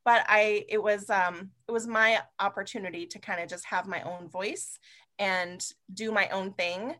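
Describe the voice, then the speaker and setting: A woman guest on an interview podcast, telling lively stories, swearing freely and laughing often. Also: medium pitch, a little slow. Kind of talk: casual interview chat.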